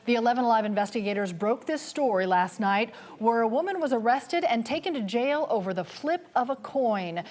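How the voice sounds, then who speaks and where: A woman's voice: a little high, animated, brisk, few pauses, darkish tone. A woman anchoring a television news broadcast in a presenter's scripted style.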